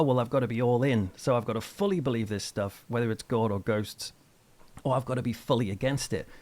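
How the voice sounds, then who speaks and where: A middle-aged church minister and author, appearing as an interview guest, explains his ideas in a thoughtful, discursive, conversational way. His voice sits in the mid range with a darkish tone.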